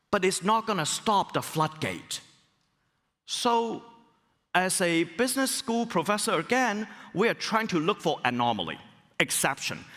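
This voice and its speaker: A middle-aged business school professor from Hong Kong gives an animated keynote in a large conference hall, using rhetorical questions and exclamations. He has a high voice, and the recording carries long hall reverb.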